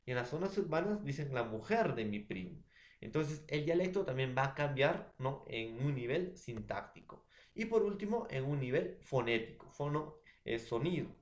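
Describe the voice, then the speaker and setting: A man's voice: medium pitch, slight background noise. A man with a Peruvian accent teaching a class, laying out examples one after another and often checking in with his students. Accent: Peruvian Spanish. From Peru. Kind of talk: classroom lecture. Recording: echoey room.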